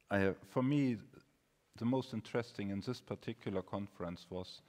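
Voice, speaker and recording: A man from Germany, speaking on a conference panel in an earnest, wry, emphatic way. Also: sits low. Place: large conference hall stage. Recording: reverberant conference hall.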